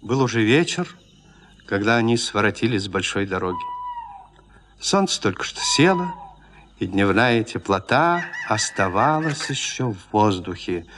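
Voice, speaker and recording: This man has a lowish voice and tells classic literary prose as a storyteller would, animated and expressive, pausing deliberately between phrases. Background noise is audible.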